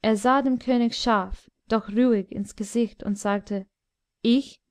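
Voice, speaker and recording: A woman narrating a classic tale in a measured, solemn audiobook reading. Her voice sits fairly high and she takes a slow, careful pace. The recording is dry and close, with no room sound. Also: steady tone, darkish tone, no echo. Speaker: audiobook reader. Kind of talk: scripted literary narration.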